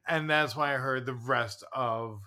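A man in his forties co-hosts a casual podcast, rambling through his stories with plenty of fillers and restarts. His voice is bright and forceful. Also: mid-range voice, a little slow. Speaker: podcast co-host, therapist. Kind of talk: casual chat.

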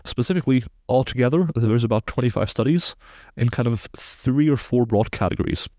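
A man's voice: mid-range voice, a little mellow, dry recording, studio quality. A man in his twenties from Belgium, a sports science researcher, explaining studies precisely and technically as a podcast guest. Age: 20s.

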